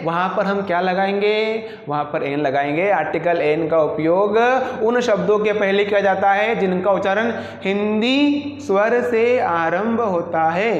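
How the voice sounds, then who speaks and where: A man teaches an exam-prep lesson in a chatty, repetitive way, asking the class questions and answering them himself. His voice sits high for a man. The room rings with a long, hall-like reverb. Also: a little slow, few pauses, highs cut off. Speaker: English teacher.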